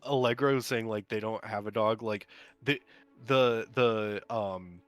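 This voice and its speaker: Man player, slightly low voice, hesitant thinker, faint music bed. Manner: measured, then rambling with many fillers. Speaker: tabletop game player. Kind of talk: casual game-night talk.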